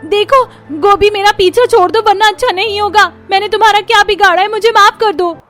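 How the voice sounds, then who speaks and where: A woman voicing a panicky young daughter-in-law who shouts frantically in a cartoon story. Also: very high voice, a little fast, voice pushed up. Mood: frantic.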